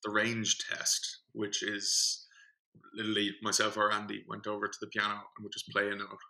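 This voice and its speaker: A young man telling a story in a casual podcast chat, rambling and animated, with many fillers and restarts. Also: fairly low pitch, normal speed, creaky, low-quality recording. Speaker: podcast co-host, singing group organiser.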